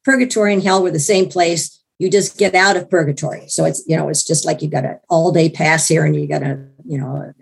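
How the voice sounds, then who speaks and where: A hoarse woman with a gravelly voice, recovering from illness, telling a personal story in an interview in a chatty way with many restarts and wry asides. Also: deep voice, steady tone, fairly quick, few pauses. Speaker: interview guest.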